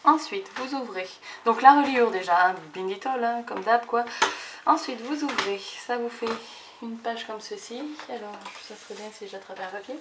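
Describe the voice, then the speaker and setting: A woman's voice: on the high side, moderate pace, background noise. A woman chatting casually while showing her scrapbooks, hesitant with many fillers and restarts. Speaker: scrapbooking vlogger. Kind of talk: casual show-and-tell.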